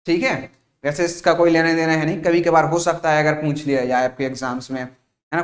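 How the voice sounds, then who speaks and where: Male teacher, explains step by step, fairly high voice. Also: echoey room. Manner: explains step by step, repeats "ठीक है", asks then answers his own questions; jokes with students, calls them "भाई साहब". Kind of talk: exam-prep science lecture.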